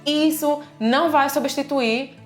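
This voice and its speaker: A Brazilian woman with a Brazilian Portuguese accent, explaining customs in a casual video lesson with lively examples. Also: high-pitched, slow. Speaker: language teacher and co-host. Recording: echoey room with faint music.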